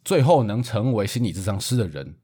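A man telling a story in a casual podcast chat, animated and quick to laugh. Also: fairly low pitch, husky. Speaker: podcast co-host.

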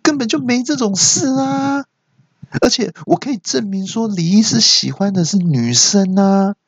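Man doing a shrill, impatient young nurse. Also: animated, normal speed, husky, no room sound, dull audio, exaggerated voice. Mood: shrill, exasperated. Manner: exasperated yelling, scolding.

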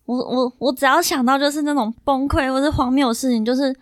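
Young Taiwanese woman guest, high and quick, dry close sound, rambling anecdotes. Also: no room sound. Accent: Taiwanese Mandarin. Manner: animated, rambling with many fillers. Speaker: podcast guest. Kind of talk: casual chat, storytelling.

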